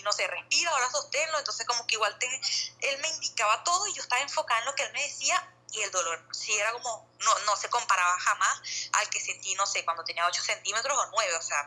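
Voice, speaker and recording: Woman guest talking fast in a bright, slightly husky voice over lo-fi call audio. She rambles casually, restarting sentences and piling on fillers. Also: on the high side. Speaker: guest sharing birth story. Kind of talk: casual conversational storytelling.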